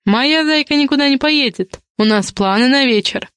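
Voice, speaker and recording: A woman's voice: sits high, moderate pace, a bit bright, clean tone, dry recording, pitched above the performer's own voice. A woman voicing a teasing, mocking young man in an audiobook reading.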